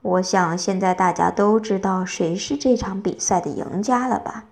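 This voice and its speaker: A woman reading aloud, voicing a calm, older male professor who speaks in a measured, formal way. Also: mid-range voice, gravelly, voice pushed down, close to an everyday voice. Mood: announcing.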